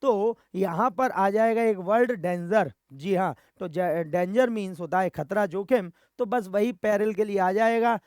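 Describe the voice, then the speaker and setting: High-voiced Indian man teaching vocabulary. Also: measured pace, hardly any pauses, a little mellow, smooth, dry recording, studio quality. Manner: repetitive, drilling, asks and answers own questions. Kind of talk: Hindi-English vocabulary lesson.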